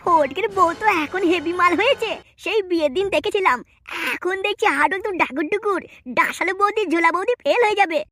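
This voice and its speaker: A woman's voice: extremely high pitch, fairly quick, fairly bright tone, dry recording, faint music behind. A woman voicing a sly, lecherous young man in a cartoon, with a cheeky delivery. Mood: scheming. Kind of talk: comic cartoon dubbing.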